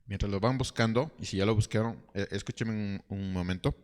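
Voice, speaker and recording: A man's voice: lowish voice, a little mellow. Guy pastor preaching in a church hall, lots of echo, asks the crowd questions, stumbles on words sometimes. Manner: storytelling preaching with rhetorical questions and halting restarts. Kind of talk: sermon.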